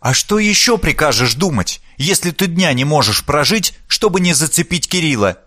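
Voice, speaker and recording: A man voicing a sharp-tongued, bossy young woman who scolds her younger sister in an audiobook. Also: on the high side, sing-song, moderate pace, dry recording, studio quality, voice pushed up, full character voice. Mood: snapping. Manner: stern, threatening.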